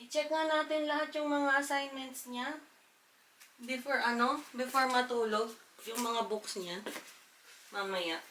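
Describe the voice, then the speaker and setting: A woman's voice: high voice, fairly even intonation, measured pace, long pauses, a bit bright, a little hiss or hum. A woman from the Philippines, a mother and family vlogger, chatting casually to her viewers at home as she does chores. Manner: chatty, addresses viewers as "mga mamshis" between chores.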